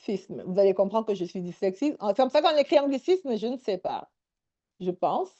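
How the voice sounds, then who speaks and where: A woman leading a live online workshop, energetic and sprinkling English words into her talk. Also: medium pitch, fairly quick, lo-fi sound.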